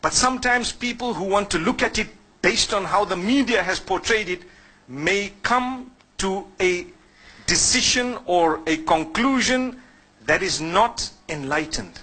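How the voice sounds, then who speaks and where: A man from Zimbabwe preaches with a bright, high voice that carries a husky edge. He talks to his listeners directly, asks them questions and answers each one himself. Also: expressive, a little slow, rough recording. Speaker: Islamic preacher. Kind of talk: sermon.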